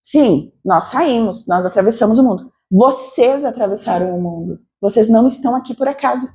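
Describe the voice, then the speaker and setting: A Brazilian woman missionary preaching a sermon to a congregation, with a Brazilian Portuguese accent, asking lively rhetorical questions. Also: fairly high pitch, a little fast. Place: church service.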